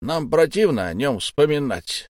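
Audiobook: male narrator plays a silky old pirate captain, raised voice, lively, friendly on top and threatening below. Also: a little high, measured pace, no echo, clean studio sound, voice pushed up. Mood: smooth mocking. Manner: mock-friendly, coaxing, menacing underneath.

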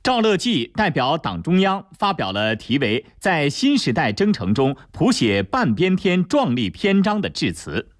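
A man's voice: fairly high pitch, big pitch swings, unhurried, few pauses. A man with a standard mainland Mandarin accent giving formal, solemn, declamatory scripted news narration.

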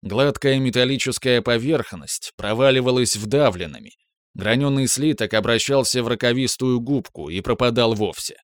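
Male audiobook narrator, mid-pitched, dry close sound. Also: normal speed, dry recording. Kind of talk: scripted first-person narration.

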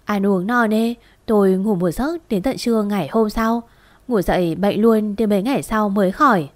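A woman tells a first-person ghost story in a lively, conversational way. Her voice sits at an ordinary middle pitch for a woman. The recording is dry and close, with no room sound. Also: normal speed, dry recording.

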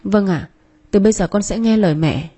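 A woman voicing a fragile, remorseful young daughter who speaks softly and apologetically. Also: medium pitch, a little fast, slightly rough, close to an everyday voice.

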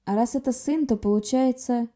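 Brief: a woman doing a snappy young sorceress, brusque, scolding, dark mellow tone. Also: fairly high pitch, moderate pace, voice pushed up, close to an everyday voice. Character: sharp-tongued young sorceress girl, quick-tempered.

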